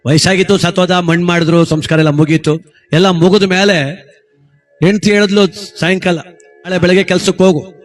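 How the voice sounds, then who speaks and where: Man telling a folk tale, high pitch, faint music behind. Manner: chatty, amused asides to listeners. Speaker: storyteller.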